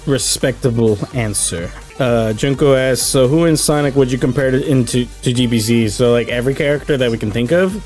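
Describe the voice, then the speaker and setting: Male host, casual and slangy, punchy phrasing, average pitch, music in the background. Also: fairly quick, hardly any pauses, darkish tone. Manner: slangy, swearing, short emphatic phrases. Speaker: host reading questions. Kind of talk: casual chat.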